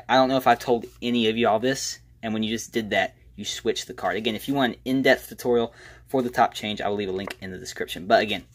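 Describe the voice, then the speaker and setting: A man presenting a casual, step-by-step magic tutorial in an informal, self-deprecating way. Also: on the low side.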